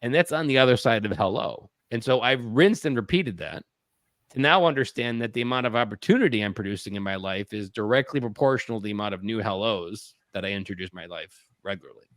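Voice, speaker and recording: A man's voice: lowish voice, animated, fast talker, a bit bright, no room sound, clean studio sound. A man in his thirties, a podcast guest, telling personal stories in an earnest way and acting out his own thoughts. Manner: earnest, acts out his own inner voice in quotes. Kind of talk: reflective storytelling in a podcast interview.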